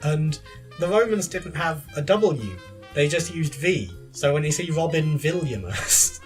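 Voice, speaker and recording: A fairly high-voiced man co-hosting a podcast, chatting casually about video games. He is chatty and breaks into giggles between sentences, with faint music behind him. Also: expressive, measured pace. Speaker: podcast co-host.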